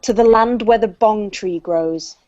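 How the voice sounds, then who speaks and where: A woman's voice: medium pitch, a little slow, warm tone, natural voice. A woman reading an anxious wife who insists on reporting her missing cat, for a children's play. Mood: flustered. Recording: dull lo-fi video call audio.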